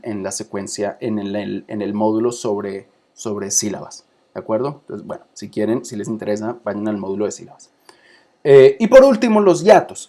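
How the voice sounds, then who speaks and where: A man's voice: mid-range voice, darkish tone. A man teaching a lesson on screen, talking informally and often checking that his listeners follow. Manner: many fillers and restarts, checks in with listeners. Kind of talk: explaining lesson to camera.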